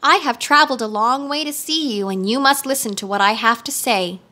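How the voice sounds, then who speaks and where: A gracious young girl queen in a storybook , voiced by a woman. She is composed and courteous, quietly commanding, in a high, bright voice. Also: a little fast. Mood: calm.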